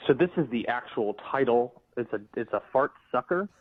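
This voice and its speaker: On a muffled, dry phone line, a man working as a temp talks casually, polite but hesitant and occasionally stammering. His medium-pitched voice is expressive at normal speed, with slight background noise.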